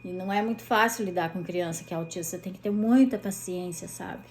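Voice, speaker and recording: A woman, a mother telling a personal story in a chatty, animated vlog, full of tag questions. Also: lowish voice, fast, a little hiss or hum.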